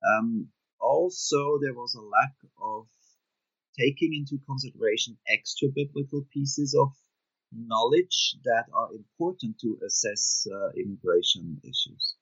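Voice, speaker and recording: A middle-aged man, a Bible professor answering interview questions in a careful, deliberate, academic way, on dull, lo-fi remote audio. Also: medium pitch, lively intonation, a bit bright, breathy edge, dry recording. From Switzerland. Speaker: guest author, Bible professor.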